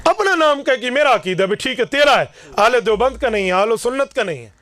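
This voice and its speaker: High-pitched fiery male preacher. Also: lively intonation, no room sound. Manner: forceful, declaiming, acts out dialogues. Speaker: Islamic preacher. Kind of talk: fiery sermon to a gathering.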